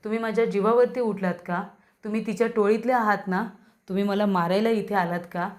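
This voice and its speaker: A woman's voice: medium pitch, fairly even intonation, brisk, a little mellow, lightly acted. A woman reading the lines of a confused, frightened woman who asks anxious, suspicious questions. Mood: fearful. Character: confused, frightened woman fearing she is hunted.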